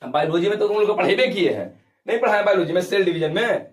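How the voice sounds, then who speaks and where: Guy teaching physics, high voice, echoey room, sounds far from the mic. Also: animated, fast. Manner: questioning, repeats terms for students to echo. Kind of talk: classroom lecture with call-and-response. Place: classroom.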